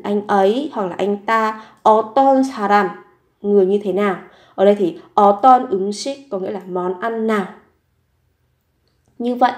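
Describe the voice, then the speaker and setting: This woman's voice sits in the mid range and has a darkish quality. She teaches Korean vocabulary, going over words patiently and posing questions to herself about example sentences, recorded with a roomy echo.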